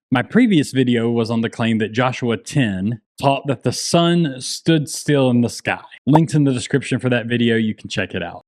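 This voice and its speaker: A man presents a scripted explainer as a video host, in a mid-pitched voice with a very dry, echo-free sound. His delivery is emphatic and sarcastic, leaning on rhetorical questions as he debunks claims.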